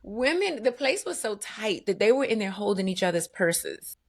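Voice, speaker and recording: Animated, emphatic woman telling a story. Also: mid-range voice, moderate pace. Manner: animated and emphatic, with vivid asides. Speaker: guest, spa owner. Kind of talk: conversational storytelling.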